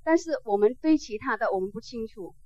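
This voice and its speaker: A woman's voice: fairly high pitch, animated, brisk, darkish tone, no echo. A woman teaching a class on Buddhism. She talks conversationally, with many filler sounds, and keeps checking whether her listeners understand. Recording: dull, dry lo-fi recording.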